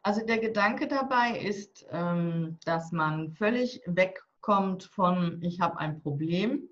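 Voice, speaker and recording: Her voice sits on the low side, slow, expressive, and a bit bright. As a guest, this divorce coach and author who is turning 60 explains how she coaches people, blunt and funny in a casual interview captured on slightly dull lo-fi audio.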